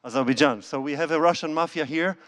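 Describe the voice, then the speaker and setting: Holding a handheld microphone on a church stage, a conductor and cellist addresses a concert audience in a fast, fairly high, slightly bright voice. He tells stories casually, with non-native phrasing and frequent restarts.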